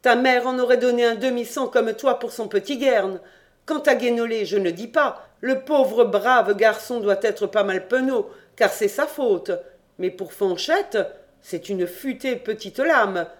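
A man reading aloud and voicing a panicky, boastful young man who talks fast and excitedly in an audiobook. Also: very high voice, voice pushed up. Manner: rapid, agitated, shouting.

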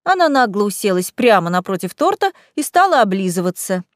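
A woman reading a storybook aloud in a lively, expressive way. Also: medium pitch, brisk, no echo, studio quality. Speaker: audiobook reader. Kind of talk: storybook narration.

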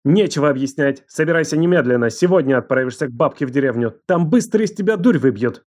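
A man voicing a stern, domineering middle-aged aunt who scolds in a harsh, shouting voice raised high above his own. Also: expressive, quick pace. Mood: furious scolding. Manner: shouting, harsh, breaking into a shriek.

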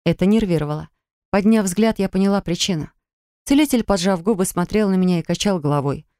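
A woman reading a first-person story as an audiobook narrator, with an expressive, emotive delivery. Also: medium pitch, fairly quick, no echo, studio quality.

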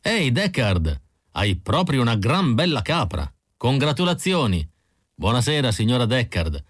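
A man's voice: mid-range voice, big pitch swings, moderate pace, dry recording, studio quality, voice pushed up. A man voicing a friendly, chatty male neighbor in an audiobook reading. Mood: cheerful.

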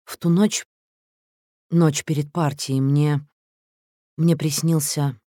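A man reading an audiobook story, voicing a fragile young woman chess player who speaks in halting, trembling phrases with a raised voice. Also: a little high, steady tone, mellow, dry recording, clean studio sound.

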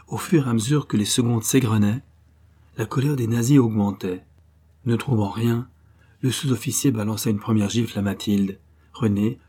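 A man narrating an audiobook in a measured, grave storytelling manner. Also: on the low side, warm tone, husky. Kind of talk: scripted narration.

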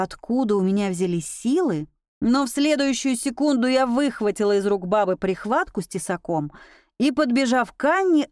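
A woman narrating a first-person audiobook in a lively, expressive way. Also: a little high, no room sound, clean studio sound.

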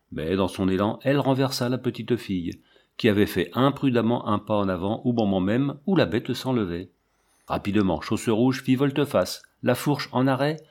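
Man reading a novel aloud, measured. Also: medium pitch, a little mellow. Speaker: audiobook reader. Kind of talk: scripted narration of a novel.

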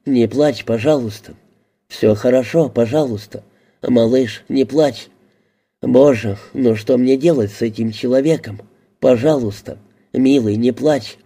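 A man reading an audiobook, voicing a blunt, quick-tempered woman who swears and used to be a call girl. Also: mid-range voice, dark tone. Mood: tender.

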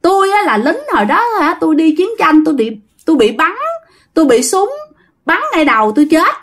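A woman's voice: high voice, lively intonation, fairly quick, pitched above the performer's own voice. A woman voicing the defiant ghost of a male soldier speaking through a possessed woman. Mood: sullen. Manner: defiant, taunting.

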